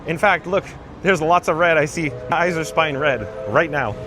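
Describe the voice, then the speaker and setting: A man's voice: fairly high pitch, normal speed. A man hosting a casual live vlog outdoors at a theme park, with chirpy, playful, folksy patter. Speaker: livestream vlog host. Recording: busy outdoor crowd with background music.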